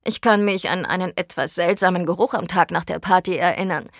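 A woman voicing a cocky, blunt teenage schoolboy in an audiobook, slow and mocking. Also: fairly low pitch, no room sound, clean studio sound, close to an everyday voice. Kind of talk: audiobook character voice.

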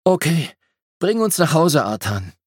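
A man's voice: a little high, big pitch swings, unhurried, dry recording, studio quality, pitched above the performer's own voice. A man voicing a cheerful, dreamy young boy in a storybook. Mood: eager.

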